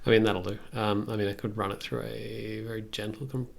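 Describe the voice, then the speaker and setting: Fairly quick and fairly even in intonation, this thirtysomething man has a lowish, gravelly, creaky voice. He offers casual, hesitant commentary as he works through a music production livestream, musing out loud. The recording carries faint noise along with clicking keys and mouse.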